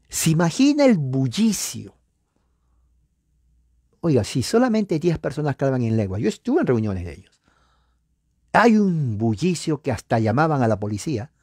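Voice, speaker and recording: A man giving a classroom lecture, animated, asking the audience rhetorical questions and counting items aloud. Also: mid-range voice, dry recording, clean studio sound. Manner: counts items aloud, sometimes dropping to a whisper. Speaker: lecturer on church history. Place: lives near Los Angeles.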